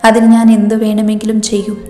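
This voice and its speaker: A woman's voice: mid-range voice, completely flat delivery, fast, mellow, roomy sound, big-room sound, faint music behind, close to an everyday voice. A woman voicing an obsessive, possessive young man, reading his lines firmly and insistently.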